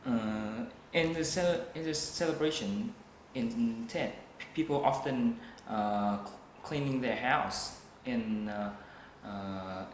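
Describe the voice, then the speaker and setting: Recorded in an echoey room with faint background noise, a young Vietnamese-accented student with a mid-range voice works through a practice speaking test. His answers come slowly, broken by frequent hesitations and false starts.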